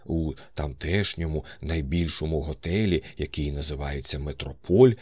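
A man narrating an audiobook, telling the story in the first person as a doctor, with a husky voice. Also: rumbling low, no room sound, studio quality. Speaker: audiobook reader. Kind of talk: scripted narration.

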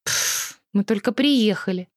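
A woman reader voicing a tipsy, dramatic young woman who is quick to take offence. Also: mid-range voice, no room sound, studio quality, close to an everyday voice. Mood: teasing.

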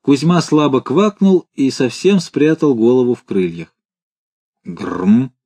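A man reading a comic fantasy story aloud with wry, expressive storytelling. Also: mid-range voice, moderate pace, no room sound. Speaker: narrator.

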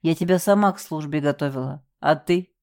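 A woman's voice: low-pitched, brisk, darkish tone. A woman voicing a stern, cold female castle manager who scolds and threatens a subordinate in an audiobook. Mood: icy.

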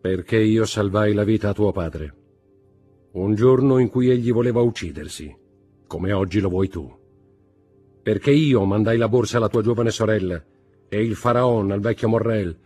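A man voicing a mysterious nobleman who speaks calmly, gently and firmly, with a husky voice. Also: lowish voice, moderate pace, faint music behind. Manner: calm, gentle, firm.

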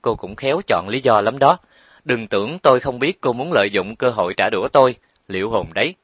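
A man's voice: mid-range voice, animated, a little fast, fairly bright tone, breathy edge, dry recording. A man voicing a brash, scheming young husband in a storybook reading, snapping out irritable retorts. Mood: irritated.

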